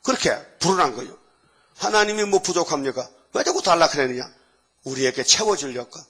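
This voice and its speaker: Animated Korean preacher, fairly high voice. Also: male voice, brisk, slightly rough. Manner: animated storytelling, acting out biblical characters in dialogue; conversational, asks the congregation questions. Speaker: pastor. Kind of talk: dawn worship sermon.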